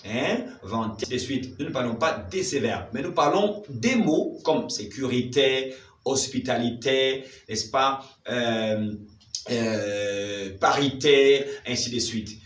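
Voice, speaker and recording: A man teaching a lively bilingual vocabulary lesson, emphatic and repeating words for his listeners to practice. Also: mid-range voice. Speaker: language teacher. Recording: roomy, distant mic with faint ambience.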